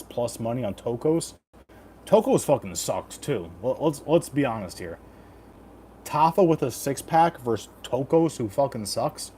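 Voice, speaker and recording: A man's voice: mid-range voice, warm tone, slight background noise. A man hosting a casual livestream, talking in crude, profane frat-bro slang as he banters with chat. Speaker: livestream host giving fight predictions.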